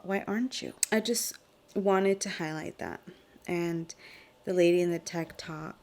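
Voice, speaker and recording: Earnest young mom with a gravelly edge. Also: female voice, lowish voice. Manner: earnest, heartfelt, often drops to a soft whisper. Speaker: vlogger and mother. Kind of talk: reflective casual vlog talk.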